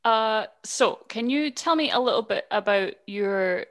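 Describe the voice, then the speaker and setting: A woman's voice: on the high side, lively intonation, a bit bright. A woman with a Scottish accent hosts a podcast in easy conversation. She sounds eager, giggles often, and keeps her delivery loose and informal. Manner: giggly, eager, quick to laugh. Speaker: podcast host. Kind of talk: casual podcast chat.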